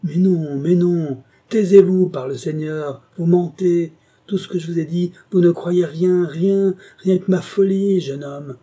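A man's voice: medium pitch, moderate pace, slightly rough, lightly acted. A man voicing a tormented old gambler who believes he sold his soul, speaking with impassioned, feverish intensity in an audiobook reading. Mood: raging. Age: older. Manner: impassioned, swings from grave confession to raging shouts.

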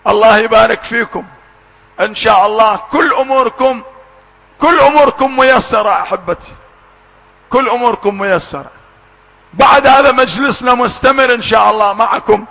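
A man with a very high voice preaches and chants a mourning lament. His tone is bright and forceful. He moves from brisk talk into slow, stretched-out chanting and now and then rises to a shout. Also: creaky, poor audio. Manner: switches between quick speech and slow drawn-out chanting, sometimes shouting.

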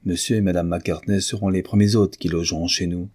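A man voicing a courteous young nobleman in a novel reading, speaking with polite, warm formality. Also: low-pitched, steady tone, a little fast.

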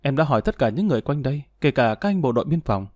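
A man's voice: medium pitch, lively intonation, very fast, darkish tone, no echo, natural voice. A man voicing a grieving middle-aged woman. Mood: anxious.

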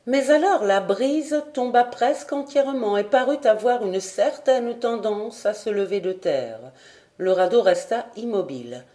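A woman reading a classic adventure novel aloud in a clear, measured narration. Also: fairly high pitch, expressive, dark tone. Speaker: audiobook reader. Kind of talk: scripted narration.

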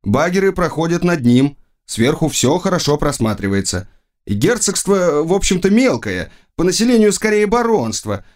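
A man voicing a calm, ironic male court adviser in a higher, polite tone for an audiobook. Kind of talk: audiobook reading.

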